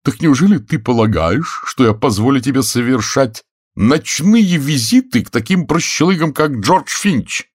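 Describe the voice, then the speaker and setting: A man's voice: medium pitch, lively intonation, normal speed, husky, dry recording, studio quality, voice pushed up. Man voicing an imperious domineering matron. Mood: scornful. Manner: imperious, categorical.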